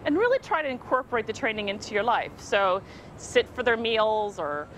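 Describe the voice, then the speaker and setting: A middle-aged woman with a fairly high voice presents like a trainer, firm and emphatic in her instructions. She is recorded outdoors, with faint city noise behind her. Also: very animated, moderate pace, fairly bright tone, poor audio. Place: outdoors in an open city park.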